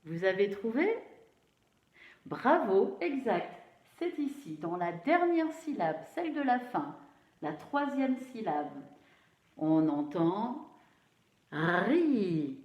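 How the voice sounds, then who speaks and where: A woman's voice: a little high, sing-song, darkish tone. Woman, teacher, children's phonics lesson, clapping out syllables, roomy dull recording. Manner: slow, encouraging, syllable by syllable.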